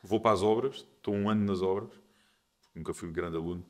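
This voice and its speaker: A man in his twenties with a notably deep, low-pitched voice sits as a guest in a casual podcast conversation. He answers in a calm, soft-spoken, reflective way. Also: fast talker. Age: 20s.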